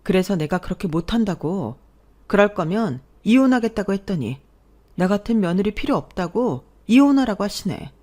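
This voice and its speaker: An angry young wife, voiced by a woman confronts her husband in a radio drama. She speaks sharply with a raised voice, and her pitch swings widely. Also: animated, moderate pace, darkish tone, natural voice. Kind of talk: Korean radio drama acting.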